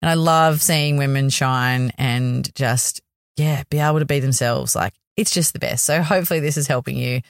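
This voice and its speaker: A woman's voice: rumbling low, normal speed, no room sound, studio quality. A woman hosting a podcast in an informal, rambling solo monologue, speaking earnestly and encouragingly to her listeners. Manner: effusive, encouraging. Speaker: podcast host.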